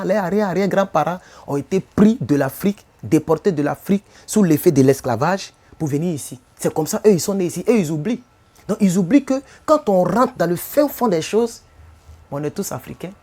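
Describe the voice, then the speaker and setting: His voice sits high and is a little mellow: a man from Côte d'Ivoire, speaking Ivorian-accented French casually during a live stream. He says things over and over and repeatedly asks viewers, rhetorically, whether they're keeping up.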